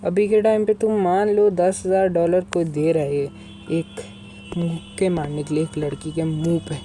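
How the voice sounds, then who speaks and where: A man hosting a gaming channel, giving chatty, excitable commentary as he plays and keeps calling out to the viewers as guys and bro. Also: fairly high pitch, normal speed, slight background noise. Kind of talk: casual let's-play commentary. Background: game music.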